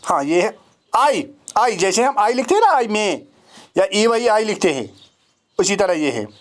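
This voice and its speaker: A man's voice: high-pitched, very animated, moderate pace. A male teacher with a Pakistani accent giving a phonetics lesson, drawing out and repeating each vowel sound.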